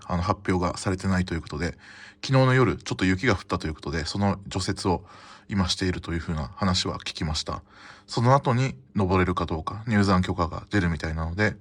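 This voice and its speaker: A man's voice: deep voice, fairly bright tone. A Japanese man from Japan, chatting casually to the camera as a travel vlogger and often exclaiming to himself. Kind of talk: casual travel vlog narration. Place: hotel and hot spring resort, indoors and outdoors.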